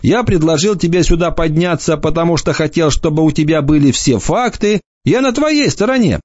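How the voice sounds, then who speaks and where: A man putting on a sly, sharp-tongued teenage boy in a storybook reading, raised in pitch and full of mockery. His speech swings up and down, and the recording sounds dry and a bit dull. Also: expressive, moderate pace, dry recording. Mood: scolding. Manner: mocking, bossy.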